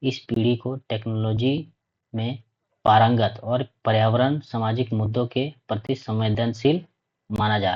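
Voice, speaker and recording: A man teaching a lesson, reading points aloud and explaining them, often checking in with "okay". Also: medium pitch. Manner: reads points aloud then explains, repeats 'ठीक है' often. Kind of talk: classroom lecture. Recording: dull lo-fi recording.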